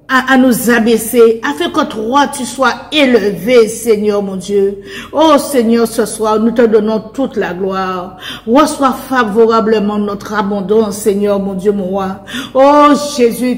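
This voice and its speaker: A woman's voice: fairly high pitch, a little mellow. A woman preacher leading a fervent prayer and reading aloud from the Bible, repeating invocations to the Lord between short phrases. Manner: short spoken phrases with pauses.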